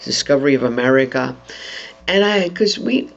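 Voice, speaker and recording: An older entertainer giving an interview, talking in an animated way and demonstrating voices while handing out advice. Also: medium pitch, moderate pace, vocal fry. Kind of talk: interview chat. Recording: dull lo-fi, faint noise.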